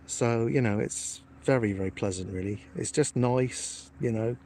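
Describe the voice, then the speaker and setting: A man's voice: medium pitch, moderate pace, a little mellow, a little hiss or hum. A man, live-streaming from his phone outdoors by the water, chatting casually with his viewers in a cheeky, joking, self-mocking way. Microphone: phone held in hand.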